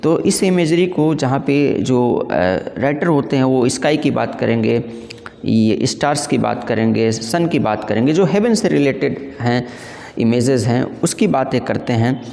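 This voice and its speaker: A man teaching an exam-prep English literature lesson, reading questions slowly and explaining in Hinglish with rhetorical questions. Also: medium pitch, creaky, mellow, long reverb tail.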